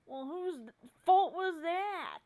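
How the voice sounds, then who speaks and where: A playful woman streamer in casual chat, her high voice bouncing all over the place. She teases and scolds her friend with dramatic outbursts, then breaks into giggles. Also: expressive, takes it slowly, warm tone.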